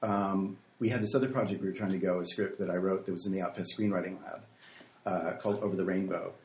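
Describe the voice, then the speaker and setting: In an echoey room, a screenwriter appears as a podcast guest, speaking casually in a standard American accent. His voice is low and a little mellow, with fast delivery and fairly even intonation.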